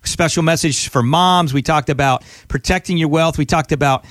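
A man's voice: a little high, moderate pace, a bit bright, no room sound, clean studio sound. A man hosting a radio interview show, talking conversationally in an earnest, motivational way with rhetorical check-ins.

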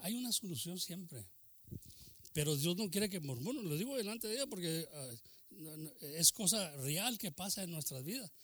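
An older man preaching a bilingual sermon, mixing Spanish and English, with frequent amens and hallelujahs and sudden drops into a soft, low voice. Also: expressive, moderate pace, no echo, studio quality. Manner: preaches with exclamations of amen and hallelujah; switches between Spanish and English.

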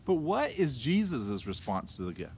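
A man's voice: fairly high pitch, sing-song, normal speed, slight background noise. A man preaching a casual, conversational sermon with playful asides. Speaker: pastor.

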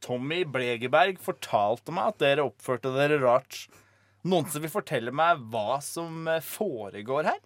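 A man voicing a cold, unemotional male neighbor who speaks in a slow, flat, menacing drawl, in a live comedic radio play. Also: fairly high pitch, dry recording, voice pushed down.

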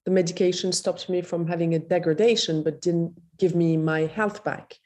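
Mellow woman with French-Iranian-Moroccan accent. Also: lowish voice, steady tone, normal speed. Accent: blended French, Iranian and Moroccan. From Morocco, later France. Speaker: podcast guest, health platform founder. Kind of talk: conversational interview, telling life story.

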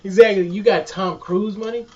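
A man co-hosting a casual podcast chat, animated and laughing often, swearing freely. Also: high-pitched, moderate pace. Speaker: podcast co-host. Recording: distant lo-fi mic.

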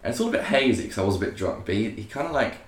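A man's voice: lowish voice, sing-song, rapid-fire. Rambling young man, roomy sound. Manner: rambling, lots of "like", acts out other voices. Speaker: podcast co-host. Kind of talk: casual storytelling chat.

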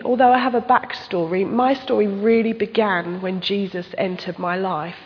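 A woman speaks at church in a gravelly, hoarse voice at a middling pitch. Her delivery is candid and conversational, like a personal testimony. The sound is dull, with long hall reverberation. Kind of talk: informal sermon, personal testimony.

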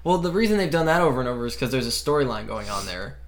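A man's voice: medium pitch, sing-song, rapid-fire. A man hosting a casual podcast chat from a bedroom, talking eagerly and rambling, sitting far from the microphones. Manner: eager, rambling fan talk. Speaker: podcast host. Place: bedroom with dogs.

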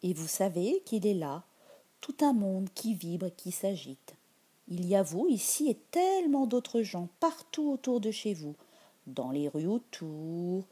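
Breathy, slow-speaking meditation guide woman. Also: mid-range voice, big pitch swings. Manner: soft, slow and soothing, drifting into whispers.

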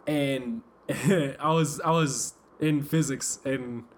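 A young man chatting casually about his start in rap, loose and quick to laugh. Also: medium pitch. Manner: laughs often, loose storytelling with fillers. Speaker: guest rapper. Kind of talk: casual chat.

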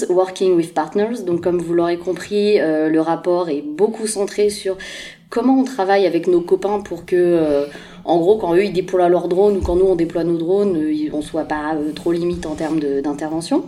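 A woman's voice: on the low side, warm tone, a little hiss or hum. A woman co-hosting a casual news podcast, talking with frequent hesitations and fillers. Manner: hesitant, many fillers, self-deprecating. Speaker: podcast co-host presenting news.

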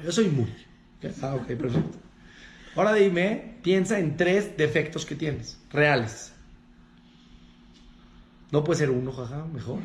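A man gives a lively talk to a room of listeners, with a slightly high voice. He keeps slipping into the voices of the people in his stories and turns to the audience directly. The room is echoey, with a faint hum of noise behind him. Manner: acts out quoted people in shifting voices, addresses audience directly. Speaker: rabbi.

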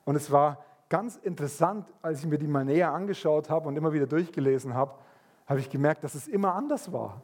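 A man preaching a sermon, telling stories in a lively way and acting out the voices of people in them. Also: on the high side, fairly quick. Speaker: pastor.

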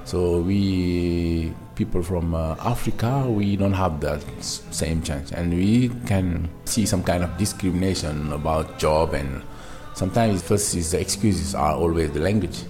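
A man from Senegal with a Senegalese accent answers interview questions informally in non-native English, haltingly searching for words. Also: deep voice, a little mellow, soft background music. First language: not English. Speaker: interviewee, migrant worker.

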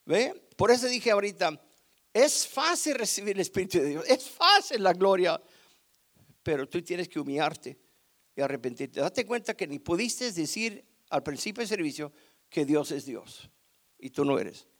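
A man preaching a sermon, calling the listeners brother and asking them if they understand, with sudden loud peaks and soft asides. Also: sits high, sing-song, normal speed. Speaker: pastor.

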